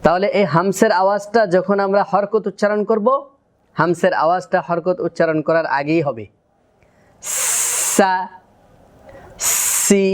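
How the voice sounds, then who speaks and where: Clear high-voiced Bengali Quran teacher. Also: male voice. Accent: Bangladeshi Bengali. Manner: methodical, drills syllables aloud. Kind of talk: pronunciation lesson.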